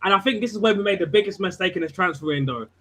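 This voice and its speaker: Man, higher-pitched voice, slangy animated banter, faint noise behind. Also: racing. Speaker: panelist. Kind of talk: casual football chat.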